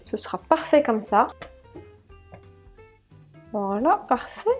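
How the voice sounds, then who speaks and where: A woman's voice: a little high, darkish tone. A young woman vlogging from her home kitchen, chatting casually with lots of fillers as she explains each cooking step. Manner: chatty, many fillers, narrates while cooking.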